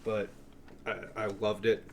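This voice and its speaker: A man's voice: fairly low pitch, level tone, unhurried, background noise. A man giving an offhand, rambling show-and-tell as a collector, swearing freely and often interrupting himself. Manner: offhand, profane, self-interrupting. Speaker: music collector presenting a cassette collection.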